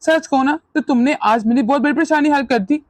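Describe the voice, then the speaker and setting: A woman's voice: sits high, brisk, no room sound, natural voice. A woman voicing a stern young husband and son in a cartoon who questions and scolds. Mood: worried.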